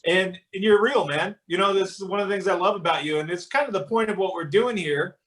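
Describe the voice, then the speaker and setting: A man's voice: high-pitched, brisk, a bit bright. A man hosting a casual interview, speaking in an encouraging, informal way. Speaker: host. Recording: distant from the microphone.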